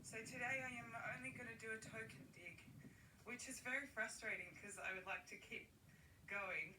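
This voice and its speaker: A woman giving a slow, measured daily broadcast about her exhausting project, sounding worn out and sore, played back through a laptop speaker. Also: on the high side, far from the mic. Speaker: artist in residence. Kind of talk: daily live broadcast address. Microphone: microphone held up to a computer speaker. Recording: laptop playback caught by a held mic, roomy and noisy.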